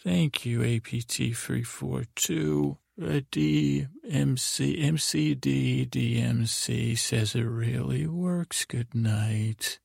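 A man hosting a sleep podcast in the calm, gentle, rambling manner of a bedtime story narrator. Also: mid-range voice, slow, vocal fry, few pauses, slightly rough, no room sound, studio quality. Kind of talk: soothing bedtime sleep-story narration, saying good night to listeners.

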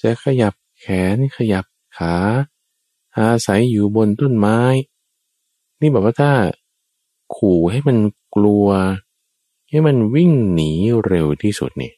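A man, a Buddhist monk, giving a sermon built around a Jataka tale. He tells it slowly and deliberately and speaks straight to his listeners. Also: lowish voice, lively intonation, mellow, no room sound. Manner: slow, deliberate storytelling that addresses listeners directly. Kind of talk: sermon telling Jataka tales.

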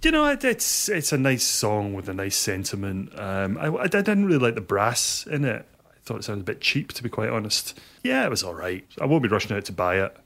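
A man's voice: lowish voice, wildly swooping pitch, a little fast, a bit bright. A man on a radio panel, giving his view on a song with hesitant restarts. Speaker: music panelist. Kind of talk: casual music review chat.

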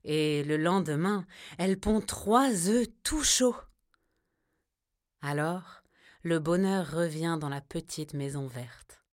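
A woman narrating a children's storybook in a gentle, expressive reading. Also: sits low, slow pace.

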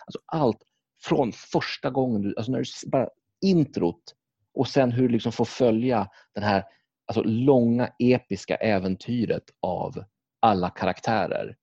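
A man's voice: mid-range voice, mellow, husky, dry recording, dull audio. A man chatting casually, rambling through stories with lots of fillers, restarts and swearing. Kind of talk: casual chat about video games.

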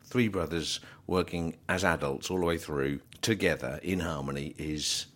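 A man's voice: a bass voice, normal speed, a bit bright. A man hosting a casual interview, asking chatty, rambling questions. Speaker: podcast host.

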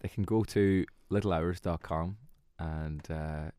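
A man's voice: sits low, steady tone, unhurried, dark tone, clean tone, no echo, clean studio sound. A man with a Donegal Irish accent, chatting casually as a musician in an interview, in a modest, hesitant, easygoing way. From Donegal, Ireland.

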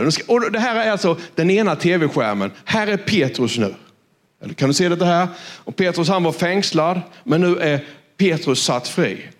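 A man preaching a sermon, retelling a Bible story with lively acted-out voices and asking his listeners direct questions. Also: a little high. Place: church or studio with screens.

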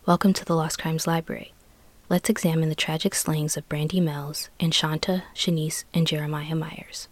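A woman hosting and narrating true crime from a script, in a serious, measured storytelling manner. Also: sits low, steady tone, no echo.

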